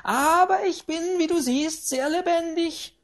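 A woman voicing a rich, imperious 75-year-old great-aunt who shouts orders and quarrels with everyone. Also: extremely high pitch, a little slow, pitched above the performer's own voice. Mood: scolding. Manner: loud, commanding, quarrelsome.

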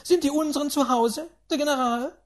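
A woman playing a loud, bossy old great-aunt. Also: high-pitched, brisk, pitched above the performer's own voice, close to an everyday voice. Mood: commanding. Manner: loud, commanding, quarrelsome. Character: imperious rich 75-year-old great-aunt.

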